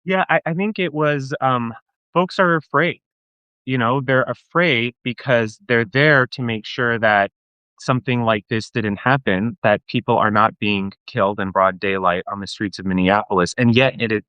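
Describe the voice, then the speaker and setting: A man's voice: mid-range voice, moderate pace, sharp tone, smooth, dry recording, highs cut off. A man speaking as a guest in an interview, impassioned and often restarting his sentences. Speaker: guest, advocacy group staff. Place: remote call from Washington, DC.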